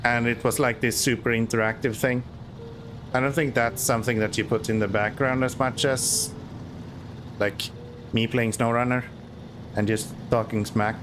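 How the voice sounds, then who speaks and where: Steady in tone and medium in pitch, a man from Sweden who speaks Swedish natively and has a Swedish accent talks at a normal pace with frequent pauses. He's casually streaming a driving game, cracking sarcastic, self-mocking jokes, with background noise present.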